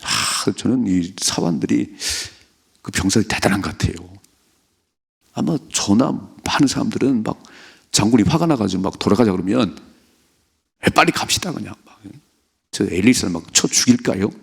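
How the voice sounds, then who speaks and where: A middle-aged man preaching a dawn prayer sermon, his low voice gravelly and husky. He swings through a wide pitch range as he acts out the people in his stories. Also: normal speed. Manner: animated storytelling, acting out characters' lines. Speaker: pastor. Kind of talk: early-morning prayer sermon.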